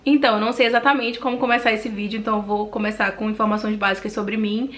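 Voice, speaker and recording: A woman's voice: mid-range voice, quick pace. A woman in her twenties from Manaus with a Brazilian accent, telling her life story in a talkative, friendly vlog. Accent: Brazilian Portuguese from Manaus. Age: 20s. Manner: talkative and animated. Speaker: vlogger.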